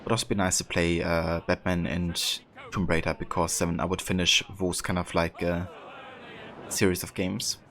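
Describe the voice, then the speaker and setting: Low-voiced man chatting on a game stream. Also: little pitch movement, normal speed. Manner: hesitant, thoughtful, reads and answers chat. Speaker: video game livestreamer. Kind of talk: casual chat with viewers while playing. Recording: clear background game noise. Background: game ambience.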